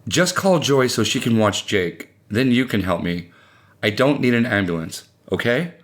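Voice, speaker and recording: A man voicing an injured, dazed husband who speaks in a flat, distracted way in an audiobook reading. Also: mid-range voice, normal speed, natural voice.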